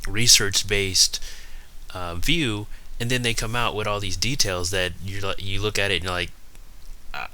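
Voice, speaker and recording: A man giving casual, unscripted commentary, rambling and haltingly backtracking, with slightly numb-mouthed articulation. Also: lowish voice, bright, forceful tone. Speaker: YouTube video host.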